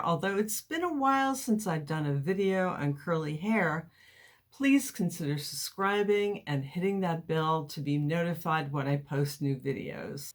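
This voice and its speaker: A woman with a low voice explains products to her viewers in a video review. She speaks slowly and plainly, and a mild lisp makes her words sound a little padded. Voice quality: slight lisp, as if cotton in the mouth. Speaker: YouTube beauty and hair product reviewer. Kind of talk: sponsored product review to camera.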